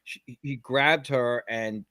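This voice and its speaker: A man co-hosting a casual panel chat, gushing and gossiping in an excitable way. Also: mid-range voice, slow, no echo, studio quality. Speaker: panel co-host.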